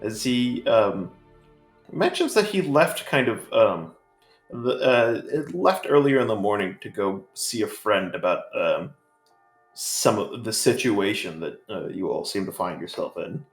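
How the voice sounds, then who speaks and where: A man's voice: lowish voice, lively intonation, a little slow. A man narrating as game master of a tabletop game, rambling with many fillers. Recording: echoey room with faint music.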